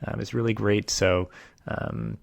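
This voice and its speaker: A man's voice: fairly low pitch, unhurried, gravelly, no echo. A man hosting a podcast, talking casually with lots of filler words as he introduces the episode and reads a sponsor message. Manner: relaxed, many fillers. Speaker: podcast host.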